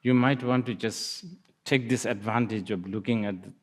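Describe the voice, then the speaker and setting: A man's voice: lowish voice, fairly even intonation, normal speed. A man giving a Buddhist dharma talk, musing aloud with laughs and hesitant restarts. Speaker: Buddhist teacher. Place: lecture hall.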